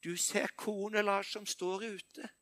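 An older man preaching a sermon, moving between hushed, intimate passages and emphatic bursts. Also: high voice, little pitch movement, dry recording, clean studio sound.

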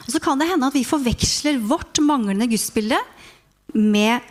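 A woman delivers a sermon in a fairly high voice. Her tone is calm and reflective, and she speaks to the listener directly as she teaches. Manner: expressive storytelling, then calm reflective preaching. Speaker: preacher. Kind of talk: sermon with first-person dramatization.

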